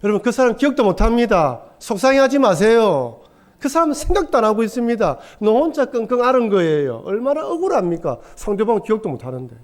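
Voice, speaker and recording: High-voiced man preaching a sermon. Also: very animated, quick pace. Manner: earnest storytelling, acts out quoted voices. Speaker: pastor. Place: church sanctuary.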